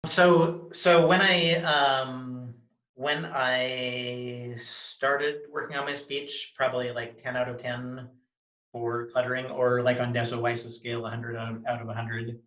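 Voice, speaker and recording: In a roomy, echoey video recording, a man with a mid-range, slightly bright voice and steady tone is interviewed about his experience of cluttering. His speech is disjointed and cluttered, halting and self-correcting, with many repeated words and syllables and frequent restarts of his phrases as he gives a conversational personal account.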